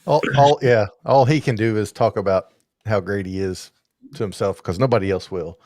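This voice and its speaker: A man's voice: lowish voice, normal speed, a little mellow, dry recording, clean studio sound. A man guest in a casual group chat, laid-back and agreeable. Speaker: podcast guest.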